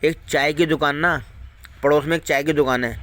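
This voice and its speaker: A man's voice: fairly high pitch, fairly even intonation, normal speed, fairly bright tone. A man delivering a heated, profane rant straight at viewers, repeating his points and firing off rhetorical questions. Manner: heated, repetitive, heavily profane. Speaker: video host warning viewers. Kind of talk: angry ranting monologue to viewers.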